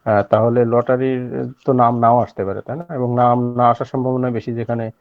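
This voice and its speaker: A man gives an evening language class over a video call, speaking patiently with frequent pauses and filler sounds. His voice sits at an ordinary pitch. The audio is a little dull and completely dry, with no room sound. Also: level tone, no echo. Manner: patient, explanatory, many fillers. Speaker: online language teacher. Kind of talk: casual online class. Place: home at night.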